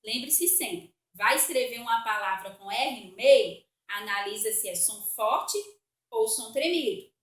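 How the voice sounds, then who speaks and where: A woman with a Brazilian Portuguese accent, teaching a recorded spelling lesson for children, patient and slow, repeating words to explain them. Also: fairly high pitch, expressive, echoey room.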